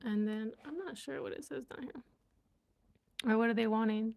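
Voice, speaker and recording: A woman's voice: on the high side, normal speed, vocal fry, darkish tone. A young woman chatting casually on a live stream, giggling and sounding out words as she learns them. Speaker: vlogger and language learner.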